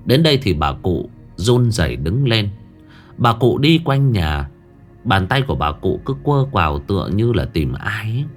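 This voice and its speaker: A man with a low voice tells a ghost story, his pitch rising and falling with lively expression. Faint music runs quietly behind the narration. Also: a little slow.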